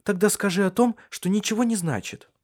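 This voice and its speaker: A man's voice: high voice, brisk, darkish tone, voice pushed up. A man voicing an anxious, insistent young wife in an audiobook, pleading with pressing questions. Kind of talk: audiobook character reading.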